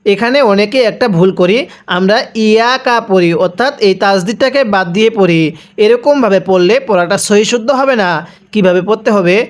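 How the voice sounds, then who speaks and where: A Quran recitation teacher spelling out letters and vowel marks one by one, then drilling each word slowly for listeners to repeat. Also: mid-range voice. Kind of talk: step-by-step recitation lesson.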